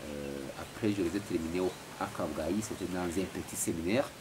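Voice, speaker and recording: A Rwandan philosopher in his forties answers interview questions at home, hesitating often and repeating words. His voice sits low and runs a little fast, in a noisy home recording.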